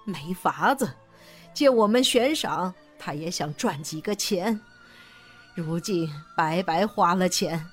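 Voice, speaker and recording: A high, unusual-sounding old matriarch's voice, put on by a man, slow and measured. She speaks with the settled authority of a grandmother who runs a great house. Storybook reading for children. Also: husky, exaggerated voice. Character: stern yet kindly old grandmother, head of a grand household.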